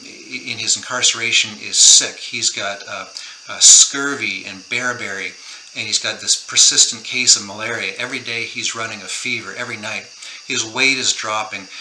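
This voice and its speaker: A man's voice: lowish voice, sharp tone. A middle-aged man, an author, earnestly retelling a true story in a conversation, with many fillers and restarts. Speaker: author guest. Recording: roomy echo, faint background noise.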